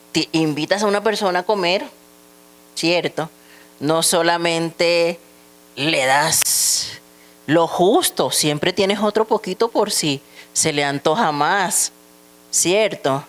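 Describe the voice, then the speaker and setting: A woman teaching a church Bible lesson, asking the class questions and reading scripture aloud. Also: lowish voice.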